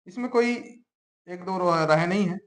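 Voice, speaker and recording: A man gives a classroom lecture in an easy, conversational way. He keeps checking in with his students through quick questions. His voice sits a little high and rings in a roomy, echoey space. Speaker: teacher. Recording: echoey room.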